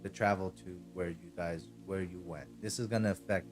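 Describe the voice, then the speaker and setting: A man with a fairly low voice narrates a tabletop game as game master. His storytelling is conversational and improvised, over faint music. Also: steady tone, fairly quick.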